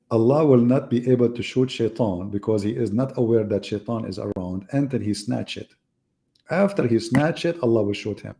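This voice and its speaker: Hosting a live religious debate, this man mocks things in a casual running commentary. His voice is low, gravelly and mellow, and his style leans on sarcasm, teasing and rhetorical questions.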